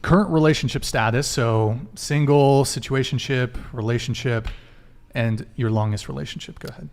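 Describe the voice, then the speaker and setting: A man hosts a casual live dating talk show. He jokes with the audience and presses his guests with quick follow-up questions. His voice sits at a middling pitch. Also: creaky. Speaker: podcast host. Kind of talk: casual live-stream chat.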